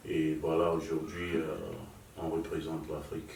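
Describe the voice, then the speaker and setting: Very deep, flat-voiced man. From Nigerian father, raised in Lomé, Togo. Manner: hesitant, halting phrasing. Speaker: guest musician. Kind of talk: interview answers. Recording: echoey room, mic far off, faint noise.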